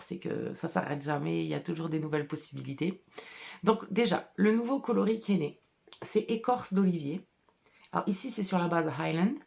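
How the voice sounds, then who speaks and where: A woman's voice: medium pitch, gravelly. A woman with a regional French accent, chatting casually on her podcast about dyeing yarn colours and laughing often. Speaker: hand-dyer and shop owner hosting a podcast. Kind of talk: casual chat.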